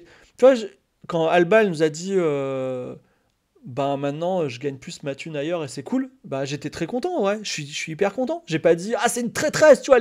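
A man talking casually to his live-stream chat, rambling with many fillers and restarts and turning animated when excited. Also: high-pitched.

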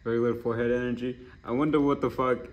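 A man's voice: mid-range voice, level tone, quick pace, dull audio. A young man hosting a reaction video, talking casually with lots of swearing and jokes, getting worked up. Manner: profane, joking, riled up.

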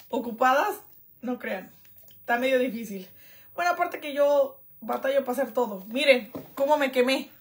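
A high-pitched young woman chats her way through a live unboxing. She jokes about herself and reads viewers' comments aloud in a loose, casual way. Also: a bit bright. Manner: chatty and self-joking, reads out viewer comments. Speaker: vlogger doing a live unboxing. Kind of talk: casual live-stream chat.

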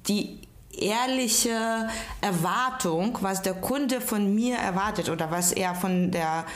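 A woman speaking as a podcast guest, pausing often and filling gaps with "ähm" as she hunts for the right word. Her voice sounds a little roomy, as if recorded in an echoey space. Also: mid-range voice. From Ukraine. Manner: hesitant, many fillers, searching for words. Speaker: guest, stylist. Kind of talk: casual interview.

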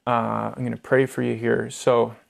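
A man's voice: mid-range voice, flat delivery, normal speed, gravelly. A young man preaching informally, casual and earnest, with filler words and restarts. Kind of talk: informal sermon teaching.

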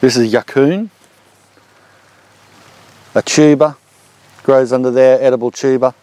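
An Australian man in his forties, a homesteading vlogger, walks through his backyard food garden outdoors, showing it off casually while filming on a handheld action camera. His medium-pitched voice is a little slow, with no echo, and he explains things in a relaxed, chatty way as he walks.

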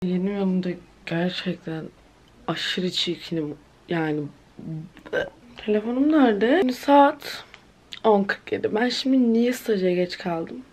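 Her voice is medium-pitched and expressive, with a darkish tone and a measured pace. The eighteen-year-old is vlogging indoors at home, chatting to the camera and telling a story dramatically with plenty of exclamations.

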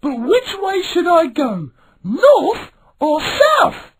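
A man voicing a cheerful, excited young boy pirate captain in a children's storybook, with exclamatory, squealing shouts. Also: very high voice, extremely slow, pitched above the performer's own voice, exaggerated voice. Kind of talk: storybook character voice.

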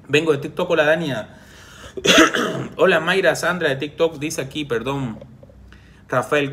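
A man's voice: medium pitch, gravelly, a little hiss or hum. A man in his forties coaching viewers on relationships during a live stream, reading comments and answering them by name in a frank, direct way. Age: 40s. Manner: warm direct advice, addresses viewers by name. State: coughing from reflux.

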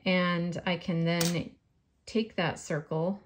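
A woman's voice: on the low side, steady tone, takes it slowly, slight background noise. A woman with a faint New York accent giving a friendly step-by-step polymer clay crafting tutorial.

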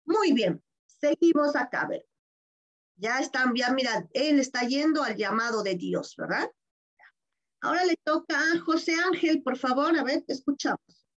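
A woman primary teacher with a Peruvian accent walks children through a story, her high voice swooping up and down as she explains each part. She keeps checking that they follow, and the audio is dull and lo-fi. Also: animated, measured pace. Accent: Peruvian Spanish. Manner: warm-toned, explanatory, keeps asking "¿verdad?". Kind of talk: reading comprehension lesson for children.

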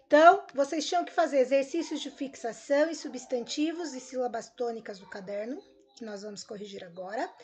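In an upbeat recorded lesson, a female teacher with a Brazilian Portuguese accent reviews homework answers with her pupils. Her high voice moves briskly with a breathy edge, and she addresses the children directly in a lively way.

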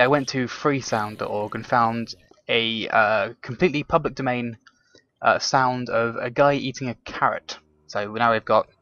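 A young gaming commentator with a medium-pitched, fairly bright voice chats his way through a casual let's play. He rambles, says um a lot, and talks to both himself and his viewers, with slight background noise behind him.

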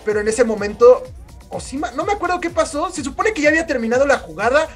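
High-voiced slangy Mexican man. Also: animated, fast talker, faint music behind. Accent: Mexican Spanish. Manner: slangy, laughing, acts out quotes loudly. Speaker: podcast co-host. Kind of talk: casual storytelling chat.

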